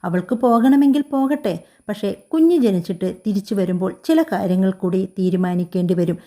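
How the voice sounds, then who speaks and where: A woman's voice: mid-range voice, brisk, dark tone, close to an everyday voice. Woman voicing a stern mother-in-law. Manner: cold, demanding.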